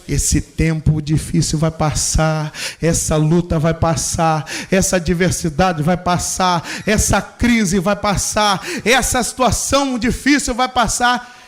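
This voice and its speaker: A man preaching a sermon as a pastor, with a Brazilian Portuguese accent, telling a story in a lively way and acting out the people in it. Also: fairly high pitch.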